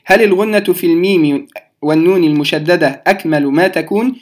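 A man with a notably high voice teaches recitation rules to beginners. He talks patiently, stops to repeat key terms slowly, and speaks straight to his listeners. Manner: addresses listeners directly.

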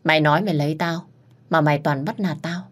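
A shy young girl pouts and fires back retorts, voiced by a woman narrator. Her lines come from the same fairly low storybook voice, pushed a little higher. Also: fairly even intonation, fast talker. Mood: sulky. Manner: pouting, retorting. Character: shy, sulky teenage girl.

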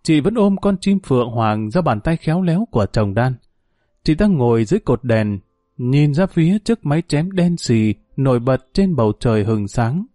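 A man reads a tragic story aloud in a grave, measured way. His voice is dark and mellow. The recording is close and dry. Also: medium pitch, very animated, no echo. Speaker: narrator. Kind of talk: scripted story narration.

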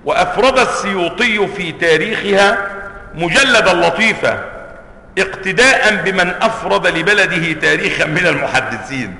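A man with an Egyptian accent teaching a religious lesson, his voice high and bright. He reads from a classical text and stretches words out for emphasis. Long reverb from a roomy hall trails behind him. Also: expressive, normal speed. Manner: stretches words for emphasis, switches to colloquial asides. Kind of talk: religious lesson, reading a book aloud and explaining it.

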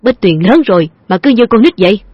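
A woman's voice: mid-range voice, animated, fast talker, breathy edge, dry recording. Woman playing a fussy, nagging mother. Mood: fretful. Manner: nagging, fretful. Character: fussing, jealous middle-aged mother. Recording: dull lo-fi dry recording.

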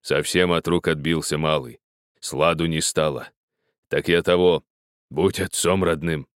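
A stern, pious old peasant miner with a deep, hushed voice, speaking slowly and sternly in a storybook reading, as a male narrator puts him on. His lines sit well below the reader's normal pitch, soft and dry. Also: steady tone, clear, resonant tone, no echo. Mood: pleading. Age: older. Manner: slow, grave, moralizing.

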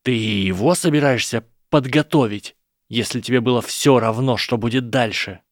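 A man voicing a proud boy wizard who is furious and shaken, shouting with his voice breaking from rage. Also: mid-range voice, normal speed, no echo, clean studio sound, natural voice. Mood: trembling anger. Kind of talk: audiobook character voice.

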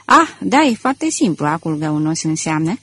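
A woman's voice: sits low, very animated, a bit bright, breathy edge, dry recording, heavily acted. A woman reading an audiobook, voicing a frightened aristocratic mother who speaks in faltering phrases. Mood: anxious.

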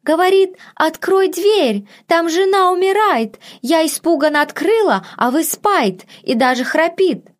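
A woman's voice: very high voice, expressive, pitched above the performer's own voice. A woman voicing a flustered middle-aged maid who chatters in broken, garbled speech. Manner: fast, garbled, ungrammatical chatter.

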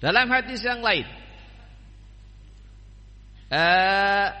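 Slow, bright-voiced religious teacher. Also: male voice, sits high, lively intonation. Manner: unhurried, addresses students directly with homely examples. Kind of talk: religious study lecture. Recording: long hall reverb.

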